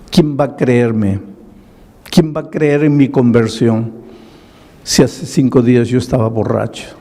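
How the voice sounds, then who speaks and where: A preacher voicing a grieving ex-drunk confessing. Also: male voice, mid-range voice, takes it slowly, pauses often, dark tone. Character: grieving former drunk, a young man confessing. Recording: long hall reverb.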